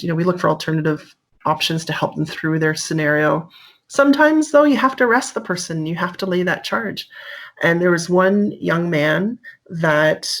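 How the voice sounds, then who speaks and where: A middle-aged woman, a police officer, telling stories in a casual interview, lively and acting out the people she quotes. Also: vocal fry. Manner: animated, acts out quotes with rising pitch.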